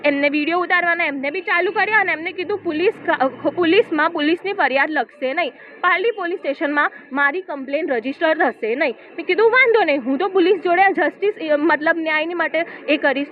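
A woman giving a steady first-person account of an incident, quoting what was said to her. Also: very high-pitched. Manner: steady retelling, quotes dialogue. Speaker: complainant giving a statement. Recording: tinny phone-like audio with faint noise.

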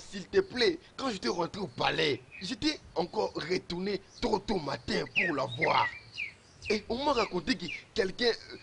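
A man's voice: high-pitched, creaky, a bit bright, slight background noise, exaggerated voice. An actor voicing a young disguised king in a French film dub, hesitant and defensive, repeating himself.

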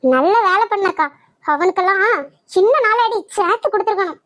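A woman's voice: very high-pitched, lively intonation, normal speed, a bit bright, no echo. A woman voicing a loyal younger sister comforting her sibling, with a Kanyakumari Tamil accent. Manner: pleading, comforting.

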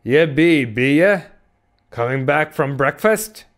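A man's voice: a little high, lively intonation, slow, pitched above the performer's own voice. A man voicing an odd, cryptic, ragged old male sailor in an audiobook, with an insinuating, sing-song and wandering manner. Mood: cryptic, wheedling. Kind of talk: audiobook character voice.

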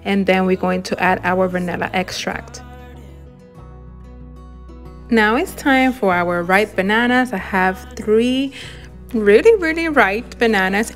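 A woman narrating her home decorating and baking in a gentle, enthusiastic voice-over, walking through each step. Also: medium pitch. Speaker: home and cooking vlogger.

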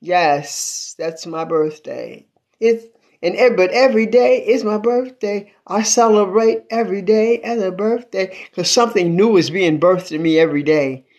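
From a small room in her house, a woman in her eighties, aged 82, hosts a relaxed phone livestream held at arm's length, mixing greetings to viewers with shouts of praise and thanks to God. She speaks unhurriedly in a darkish, mid-range voice, and the sound is lo-fi.

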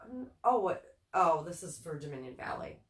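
A woman's voice: low voice, wildly swooping pitch, normal speed. A woman from Northern Virginia co-hosting a casual live stream, reading listings in an easygoing way with small chuckles. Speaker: co-host. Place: local speed shop, indoors. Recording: echoey room, far from mic.

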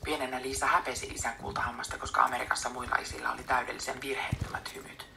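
Woman reader, whispered storybook narration, very low gravelly voice, faint hiss. Casting note. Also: flat delivery. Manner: soft unvoiced whisper. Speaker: audiobook reader.

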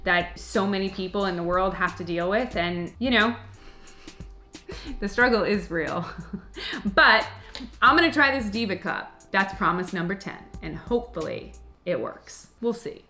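A woman's voice: medium pitch, measured pace, sharp tone, soft background music. A woman hosting her own channel, casually and playfully answering viewer comments and laughing often. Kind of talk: casual chat to camera. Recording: echoey room.

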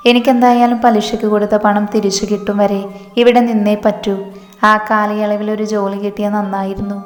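A woman narrator voicing a hopeful, quietly scheming young woman who talks in a soft, persuasive way. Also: mid-range voice, little pitch movement, brisk, lightly acted. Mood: coaxing. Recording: echoey room reverb, soft music.

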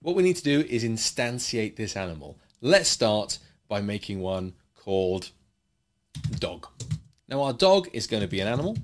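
A man's voice: lowish voice, big pitch swings, normal speed, slight background noise. A man teaching a coding lesson in a chatty way, explaining with playful asides. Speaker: programming teacher.

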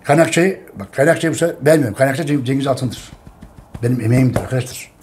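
A man's voice: medium pitch, quick pace, noisy background. A man in an impassioned monologue to his viewers, emphatic and urgent, repeating phrases and pleading with listeners. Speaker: channel host presenting his history book.

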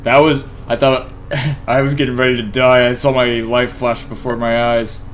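A man's voice: mid-range voice, flat delivery, moderate pace, a little hiss or hum. A man giving horror game commentary who swears and talks to the monsters. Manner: jumpy, swears and yelps at scares. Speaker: gaming YouTuber.

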